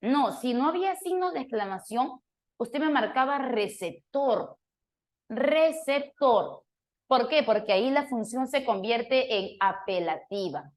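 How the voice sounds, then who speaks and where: A woman leads a classroom review, her voice sitting a little on the high side. She explains patiently and works through each point. She often stops to put a question to a student by name. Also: expressive, unhurried. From Peru. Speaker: language teacher.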